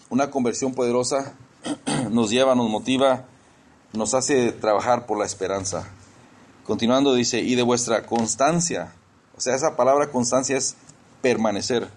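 A man preaching a conversational sermon in church, often repeating words as he searches for the next one. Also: medium pitch.

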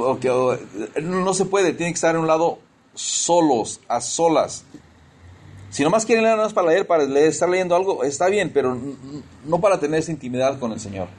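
A man preaching an informal sermon, talking conversationally, asking his listeners questions, stumbling and restarting, and tossing in English exclamations. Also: fairly high pitch. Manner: conversational, addresses listeners as brothers, asks questions.

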